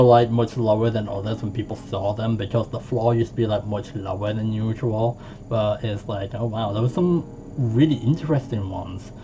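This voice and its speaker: A storytime vlogger rambles through a casual monologue, heavy on fillers like "like" and "it's where," and his voice jumps much higher whenever he quotes people. It's a dull lo-fi home recording with faint noise.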